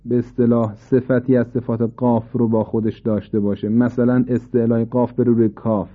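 A man giving a formal, patient lesson on Quran recitation rules, slowing down to demonstrate pronunciation. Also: medium pitch. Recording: tinny phone-like sound.

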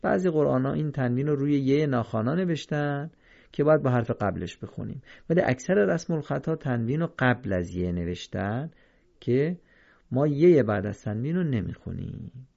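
A man teaching the rules of Quran reading in a recorded lesson, speaking slowly and carefully and repeating each example to set right readings against wrong ones. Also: mid-range voice, lively intonation, vocal fry, dark tone, highs cut off.

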